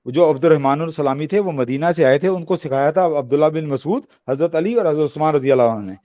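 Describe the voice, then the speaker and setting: Debater, male, high voice, lo-fi call audio, keeps restarting and saying no, no. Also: quick pace, dark tone. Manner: hesitant, stumbling restarts, repeated denials. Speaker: debater defending his faith. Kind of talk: heated online debate.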